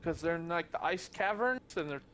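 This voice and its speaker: A man co-hosting a podcast in a casual chat, excitable and restarting his sentences as he goes. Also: on the high side, a little hiss or hum. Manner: quick, excitable, stumbling restarts. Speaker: podcast co-host.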